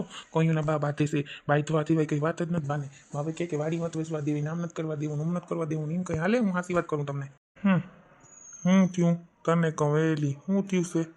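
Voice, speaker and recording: An exasperated grown son, played by a man, argues back at his mother in a Kathiawadi Gujarati accent. He talks fast in a slightly raised but mellow voice, sarcastic and indignant, in a family comedy skit. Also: fairly high pitch, a little hiss or hum, natural voice. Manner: indignant, sarcastic, rapid arguing.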